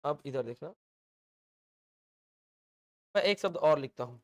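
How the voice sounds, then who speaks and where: A man's voice: fairly high pitch, expressive, unhurried, lo-fi sound. A male teacher with a Chhattisgarh Hindi accent gives a live online English class. He drills pronunciation and keeps asking the students to answer him and repeat after him.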